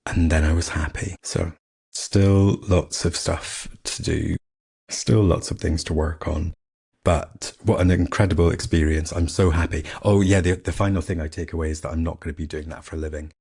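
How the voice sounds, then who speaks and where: A man's voice: low voice, steady tone, normal speed, vocal fry, darkish tone, slightly rough. A middle-aged man with a faded Scottish accent, hosting a solo podcast in a candid, self-mocking, chatty way. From Scotland. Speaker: podcast host. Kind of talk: casual solo podcast chat.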